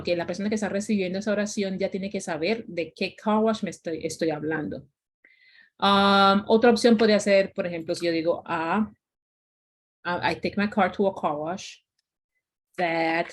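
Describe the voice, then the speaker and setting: A woman with a Colombian Spanish accent teaching English grammar in an online class, with many fillers, sounding out each English example word by word. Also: medium pitch.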